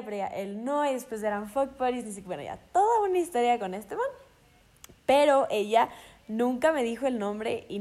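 A woman's voice: medium pitch, dark tone. A young woman, co-hosting a casual chat and telling stories animatedly, acting out quoted lines. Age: young adult. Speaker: podcast co-host.

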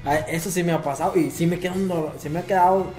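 A man's voice: on the high side, fairly even intonation, very fast, darkish tone, reverberant, soft background music. A Mexican man co-hosting a podcast, slangy and joking in casual chat. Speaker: podcast co-host.

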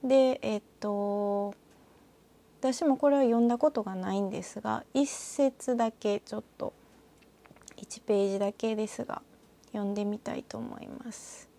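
A woman from northern Osaka with a Kansai accent, talking alone in a rambling, reflective way and often trailing off into soft asides. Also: medium pitch, normal speed, vocal fry. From northern Osaka, Japan. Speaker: podcaster. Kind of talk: casual solo talk with a short reading.

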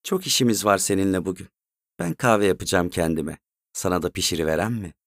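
A grumpy middle-aged man with a short temper, read by a male storyteller. He talks in a gruff, clipped, low voice. The recording is dry and close. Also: fairly quick, no echo. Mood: eager. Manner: gruff, curt and snappish.

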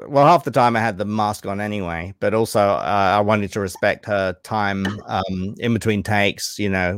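A man's voice: lowish voice, no echo, studio quality. A man, a puppeteer guest, chatting easily in an interview with many fillers. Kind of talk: casual interview chat.

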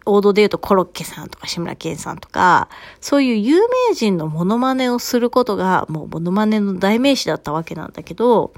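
A podcast co-host in her thirties chats casually at a fairly quick pace, her voice medium in pitch. She's an animated storyteller who laughs often.

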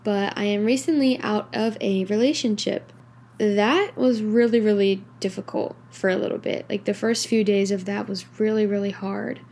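A woman's voice: medium pitch, fairly even intonation, moderate pace, a little mellow, a little hiss or hum. A tired young woman hosts her own podcast late at night. She talks candidly and rambles, leaning on "like" and "you know" as she goes. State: tired, yawning. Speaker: podcast host. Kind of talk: casual solo podcast monologue.

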